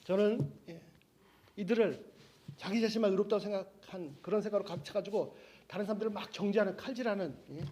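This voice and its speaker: A man with a high-pitched voice preaches as a Bible teacher. He is lively and often chuckles, and he slips into the voices of the people in the passage he is explaining. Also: fairly quick. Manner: animated, acts out quoted voices, chuckles often. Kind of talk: sermon.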